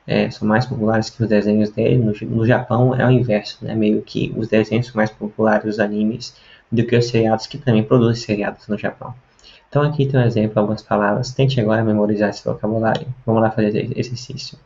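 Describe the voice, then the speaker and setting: Male teacher, explanatory, keeps checking in; gravelly voice, lo-fi sound. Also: fairly low pitch, little pitch movement, fast talker, warm tone. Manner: explanatory, with frequent tag questions. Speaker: language teacher. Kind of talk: video lesson.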